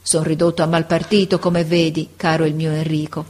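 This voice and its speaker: Ailing old schoolmaster, affectionate and sighing, in a storybook reading read by a woman, lowish voice. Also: flat delivery, fairly quick, darkish tone. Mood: tender. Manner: tender, sighing, encouraging. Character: sick old male schoolteacher, affectionate and weary.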